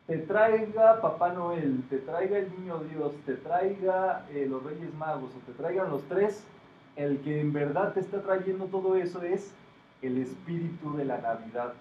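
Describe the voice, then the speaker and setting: A man teaching a metaphysics class, explaining and asking his students questions. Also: on the high side. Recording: echoey room, distant, dull, faint noise.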